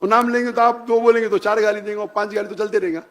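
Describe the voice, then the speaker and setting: A man's voice: high voice, fairly even intonation, quick pace. A man giving a public religious talk, emphatic and challenging, firing off rhetorical questions and dropping in English phrases. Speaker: Islamic preacher.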